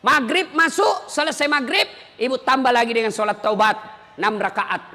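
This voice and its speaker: A male preacher delivers a comic sermon with a strikingly high, piercing voice. He teases the crowd and often shouts his punchlines. His words ring out into a large hall with a long, trailing reverb. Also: moderate pace. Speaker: Islamic preacher. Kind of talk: humorous sermon to a live audience.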